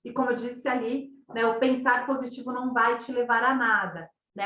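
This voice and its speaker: A woman's voice: high voice, a bit bright. Brazilian woman coaching with roomy echo. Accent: Brazilian Portuguese. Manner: conversational, tags sentences with questions, acts out quoted thoughts. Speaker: running coach. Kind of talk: online masterclass talk. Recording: roomy echo, distant from mic.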